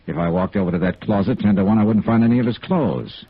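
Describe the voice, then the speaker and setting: Johnny Dollar, deep-voiced hard-boiled investigator. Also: male voice, fast talker, slightly rough. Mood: probing, insistent. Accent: American. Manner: clipped, matter-of-fact, insistent. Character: hard-boiled, persistent male insurance investigator. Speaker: lead actor and narrator of a radio detective drama. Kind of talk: 1950s radio noir acting. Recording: dull vintage radio recording with music.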